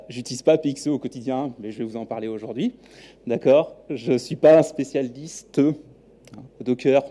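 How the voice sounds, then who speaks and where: Man, 30s, French accent, dark mellow voice, casual hesitant presenter at a tech meetup. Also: mid-range voice. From New Caledonia. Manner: relaxed, hesitant with many fillers and restarts. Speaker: software architect giving a meetup talk. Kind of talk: live conference talk. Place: meetup room.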